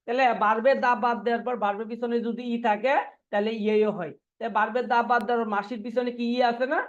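A man's voice: very high-pitched, little pitch movement, quick pace, lo-fi sound. A man teaching a Korean language class online, drilling students by asking the same questions over and over and answering them himself. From Bangladesh.

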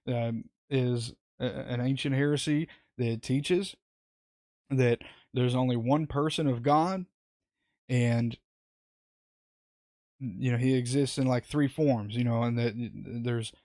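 A man's voice: mid-range voice, darkish tone, no echo. A man hosting a live, unscripted Bible study, rambling with many fillers and restarts as he comments on scripture.

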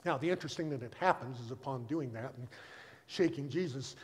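A man's voice: mid-range voice, a little fast. Guy preaching in a church, acts out the story, big echoey hall sound. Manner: animated storytelling, acting out the scene in quotes. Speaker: pastor. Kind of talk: sermon. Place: church sanctuary. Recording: long reverb of a church hall.

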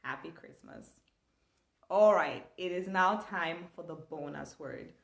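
A woman's voice: fairly low pitch, slow pace, vocal fry, reverberant. A young woman from Zambia, teaching an online language lesson with enthusiasm, gesturing as she talks. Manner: animated, gestures a lot, enthusiastic. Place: small room indoors.

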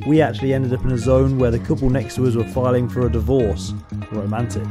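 A man narrating a travel vlog in voice-over, recapping each step in a calm, matter-of-fact way. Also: mid-range voice, fast talker. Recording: voice-over with background music.

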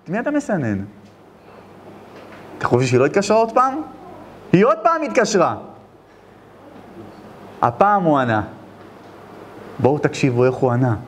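A man, a rabbi, giving a sermon full of storytelling, shifting between hushed narration and loud exclamations. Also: a little high, very animated, pauses often, slight background noise. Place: lecture at an event.

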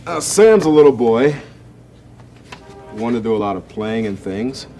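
A man hosting a children's TV show, gently and expressively reading a story aloud to children. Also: mid-range voice, lively intonation, a little slow, faint music behind. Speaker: children's TV host.

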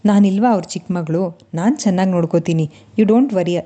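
A cheeky, teasing young woman in an audio story, as a woman narrator puts her on. She talks briskly and playfully, in a mellow voice. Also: fairly low pitch, lightly acted.

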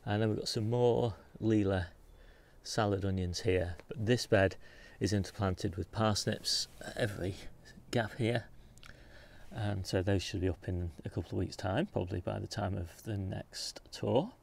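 A man's voice: on the low side, moderate pace, creaky. A man casually walking through his back garden, explaining his beds and plants as he films. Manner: relaxed, informative, pointing things out as he walks. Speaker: gardening channel host. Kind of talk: casual garden tour walkthrough. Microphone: handheld phone camera.

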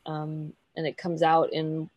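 Low, flat, slow-speaking woman. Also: no echo, rough recording. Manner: slow, hesitant and reflective. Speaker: participant. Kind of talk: personal sharing in a group.

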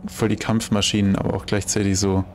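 A man's voice: lowish voice, flat delivery, a little fast, slight background noise. A German man giving casual let's play commentary, chatty and thinking aloud, exclaiming over loot as he finds it.

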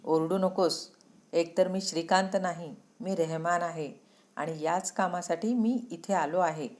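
A woman's voice: on the low side, fairly even intonation, a little slow, darkish tone, close to an everyday voice. A woman voicing a ruthless male villain in a storybook reading, speaking in a cold, threatening way. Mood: cold menacing. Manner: menacing, threatening.

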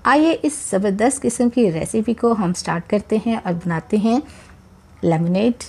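In an off-screen voice-over, a cooking-channel host guides viewers through a recipe with a medium-pitched, slightly breathy voice at normal speed. She is warm and talkative, encourages her audience directly, and sprinkles religious blessings throughout.

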